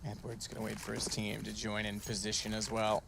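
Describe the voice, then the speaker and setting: A man's voice: fairly low pitch, monotone, brisk, creaky, background noise. A man working as an esports caster, giving descriptive play-by-play that follows the action of a match. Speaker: esports commentator.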